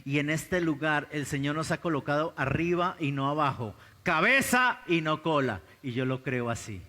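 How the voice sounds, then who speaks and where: A male pastor with a Colombian accent delivers a sermon in a fairly high voice. He swings from loud, pressing exclamations to low, intense asides. The live recording carries a long reverb from the church hall. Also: expressive, normal speed. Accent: Colombian Spanish.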